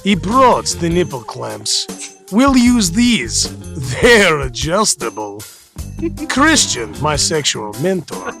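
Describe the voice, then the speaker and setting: A man's voice: a little high, sing-song, takes it slowly, creaky, music in the background, full character voice. A man doing a hammy mock-Russian romance reader. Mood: mock-sultry. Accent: put-on Russian accent. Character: hammy male reader of a steamy romance novel.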